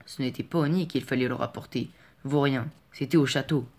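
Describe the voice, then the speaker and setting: A man's voice: medium pitch, a little fast, a little mellow, lightly acted. A stern, cold falconer, read by a man in a storybook audiobook. He speaks in a harsh, menacing way, slightly raised and pressed, always sure he holds the upper hand. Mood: scornful. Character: stern cold middle-aged male falconer. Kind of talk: audiobook character reading.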